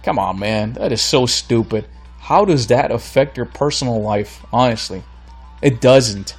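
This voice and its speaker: On his solo podcast, a man from Florida vents bluntly and with frustration even as he loses his voice. He speaks in a mid-range, animated voice, a little slow with a breathy edge, and faint music plays behind him.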